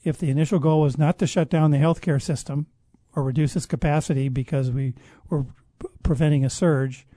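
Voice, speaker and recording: A man with a mellow voice that sits a little high talks through his views in a measured, explanatory way. He often stops and restarts his sentences. The sound is dry and close. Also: steady tone, dry recording. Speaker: guest expert on public health. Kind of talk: conversational interview answers.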